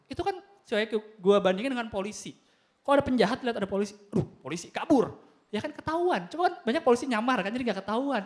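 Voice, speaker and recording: A young man doing a stand-up comedy routine on stage, animated, acting out quick voices and gunshot sounds. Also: extremely high pitch.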